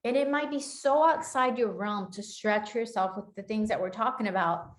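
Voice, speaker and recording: A woman with a Spanish accent gives a channeled spiritual talk in an earnest, flowing way, often slowing down to stress words. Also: mid-range voice. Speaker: spiritual teacher.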